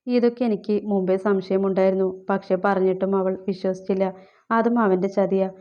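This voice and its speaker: A woman voicing a caring young wife, gentle but distressed, on a slightly dull recording. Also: mid-range voice, steady tone, moderate pace, lightly acted. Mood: upset.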